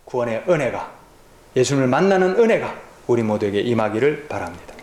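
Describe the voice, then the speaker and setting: Animated man preaching a sermon. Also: medium pitch, fairly quick. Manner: dramatic storytelling, acting out scenes. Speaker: pastor. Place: church sanctuary. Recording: echoey church hall.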